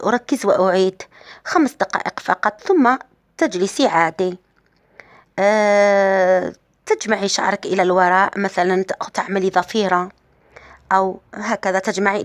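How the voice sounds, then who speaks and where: A woman speaking with an Algerian Arabic accent walks through a home beauty routine at an even, mid-range pitch. She explains each step plainly and repeats the important ones. The recording is close and dry, with no echo from the room. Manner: explains step by step, repeats and rephrases key points. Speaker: hair care tutorial host. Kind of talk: casual how-to demonstration.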